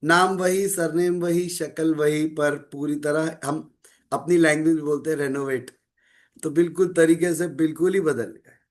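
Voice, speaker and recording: A middle-aged man giving a calm, measured spiritual talk to listeners, mixing in English phrases. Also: fairly high pitch. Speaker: spiritual speaker.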